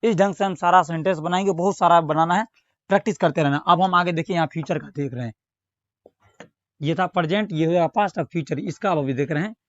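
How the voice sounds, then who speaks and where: A man with an Indian accent teaching English grammar in Hindi, reading example sentences slowly and carefully. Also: fairly high pitch, no room sound. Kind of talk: Hindi-language grammar lesson with spoken examples. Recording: dull, slightly lo-fi recording.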